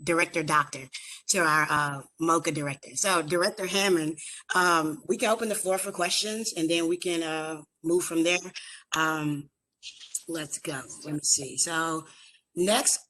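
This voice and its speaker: Woman host, low pitch, casual moderator who trips over titles. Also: sharp tone, a little hiss or hum. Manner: conversational, stumbling over names and titles, many uhs. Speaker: veterans roundtable host. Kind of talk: virtual meeting moderation.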